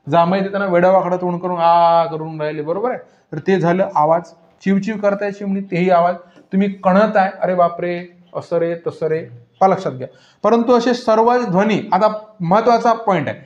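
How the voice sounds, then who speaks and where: A man teaching a grammar lesson, asking questions and then answering them himself, repeating the key points. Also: high voice. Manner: repetitive, drilling. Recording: echoey room, dull lo-fi sound.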